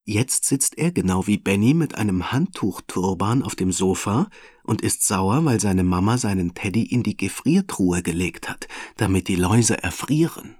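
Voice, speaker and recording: A man reads a children's story aloud in a calm, evenly paced way. His voice is low and a little breathy. The recording is dry and close. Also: normal speed, dry recording. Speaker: narrator.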